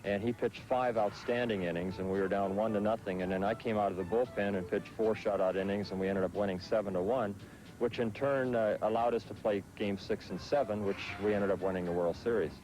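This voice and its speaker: A man in his thirties, a professional baseball pitcher from the Netherlands who was raised in Southern California, answering interview questions in a relaxed way with frequent fillers. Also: fairly quick, faint music behind, poor audio.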